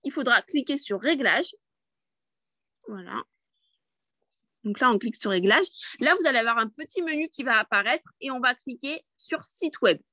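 A woman's voice: fairly high pitch, expressive, moderate pace, pauses often, bright, forceful tone, no room sound. A young woman leading a live online training over a video call, chatty and upbeat, with many fillers and restarts. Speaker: network marketing trainer.

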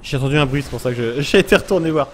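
A man's voice: medium pitch, very fast, slight background noise. A gaming YouTuber commentating a let's play, jumpy and easily scared, yelping and talking to the creatures he meets. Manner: jumpy, frightened, talks to creatures, yelps.

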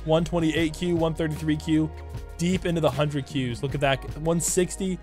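A man with a hoarse, raspy smoker's voice, recovering from losing it, giving slangy, hyped game commentary to his viewers over music. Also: on the high side, fairly even intonation, normal speed, a little mellow. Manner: slangy hype talk addressed to viewers. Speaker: gaming YouTuber. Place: indoor room at a computer. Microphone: desk microphone close to the mouth.

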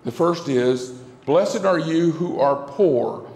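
With a fairly high, darkish voice that is animated but slow, a middle-aged pastor preaches into a pulpit microphone, earnest and repetitive, gesturing broadly. The church sanctuary echoes, recorded from far away.

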